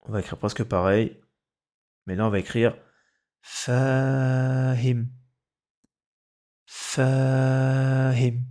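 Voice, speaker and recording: A man's voice: fairly low pitch, fairly even intonation, brisk, long pauses, a little mellow. A male Arabic teacher giving a dictation lesson, patiently repeating each word and breaking it into syllables. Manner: patient, instructive.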